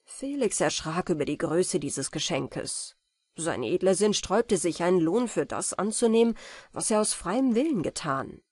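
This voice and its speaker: A woman reading a classic tale aloud as a calm, unhurried bedtime audiobook narration. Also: on the low side, husky, no room sound, clean studio sound. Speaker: audiobook reader. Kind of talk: calm storybook narration for sleep.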